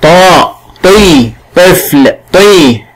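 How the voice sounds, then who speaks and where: A man with an Egyptian accent teaching early reading, sounding out syllables slowly and clearly. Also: high-pitched, expressive, low-quality recording. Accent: Egyptian Arabic. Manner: slow, drawn-out sounding of syllables. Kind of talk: classroom phonics lesson.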